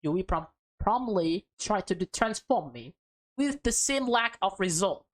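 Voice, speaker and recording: Reading a visual novel aloud as a let's play host, a woman speaks at a measured pace in a medium-pitched voice with lively intonation. She's informal, stumbles over words, and comments on the story, recorded on a close mic with background music.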